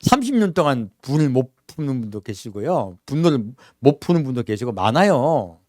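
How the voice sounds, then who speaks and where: Animated male pastor, lively sermon. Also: mid-range voice, normal speed, dry recording, studio quality. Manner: conversational preaching with frequent rhetorical questions to the congregation; acts out everyday quotes in character voices. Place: church.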